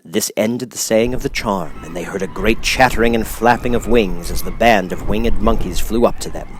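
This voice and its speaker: A man's voice: on the low side, moderate pace, a little hiss or hum. A man reading a children's audiobook as a scripted story narrator.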